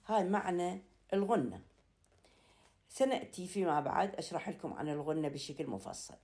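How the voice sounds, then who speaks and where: A woman with an Iraqi accent teaching a Quran recitation lesson, explaining slowly and deliberately and chanting verses. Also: fairly low pitch, warm tone. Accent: Iraqi Arabic. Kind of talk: recorded tajweed lesson.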